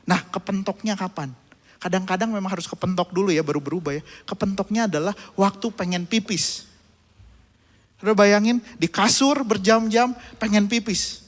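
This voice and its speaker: A man's voice: high voice, normal speed. A man preaching a sermon, telling a family story and acting out the voices in it. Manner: storytelling, acting out his child's and his own voices. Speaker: pastor. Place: church hall. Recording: church hall with long reverb.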